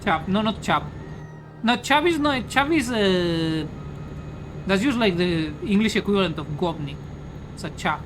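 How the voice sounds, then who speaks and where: Over a noisy background, a Spanish-accented woman from Spain chats casually as she streams a game, her talk rambling, crude and joking. Her medium-pitched voice is animated, at a measured pace with frequent pauses, picked up by a studio mic with a pop filter.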